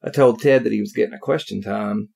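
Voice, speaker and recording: A man's voice: fairly low pitch, fast, gravelly, a little mellow. A man co-hosting a podcast in an easygoing, agreeable casual chat. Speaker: podcast co-host.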